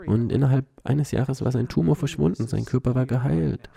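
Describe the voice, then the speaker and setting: Earnest male storyteller, gravelly and very dark, personal testimony. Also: medium pitch, fairly quick. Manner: earnest, frequent filler "ja". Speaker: cancer survivor sharing his story.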